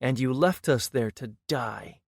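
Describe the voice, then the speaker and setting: A man's voice: mid-range voice, a little slow, no room sound, clean studio sound. A man voicing an angry young male adventurer, speaking tensely and indignantly in an audiobook. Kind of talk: audiobook character voice.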